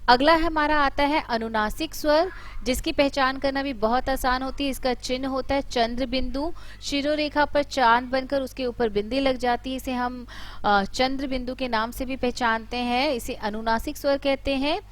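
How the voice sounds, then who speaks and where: A woman teaching letters, explaining step by step and drawing out each example word slowly and loudly. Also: high voice, fairly even intonation. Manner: drawn-out, loud example words. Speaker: Hindi teacher. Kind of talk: explanatory lesson.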